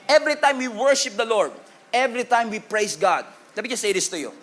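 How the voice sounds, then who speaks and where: High-voiced, animated Filipino preacher. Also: male voice, a little fast. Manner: animated, humorous preaching with Taglish code-switching; calls out for congregation responses. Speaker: pastor. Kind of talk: sermon.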